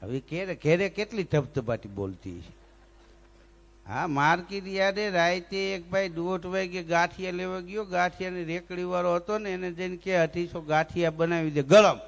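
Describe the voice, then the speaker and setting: Gravelly high-voiced storyteller man. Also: moderate pace. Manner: lively joke-telling with sung bits and acted lisping voices. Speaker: folk comedian. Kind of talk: dayro comic storytelling.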